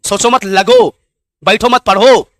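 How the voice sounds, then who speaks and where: A man's voice: high-pitched, fairly even intonation, slow pace, fairly bright tone, dry recording, studio quality. A man who teaches exam aspirants, giving a fervent motivational speech full of rhetorical questions, repeated commands and rhyming proverbs.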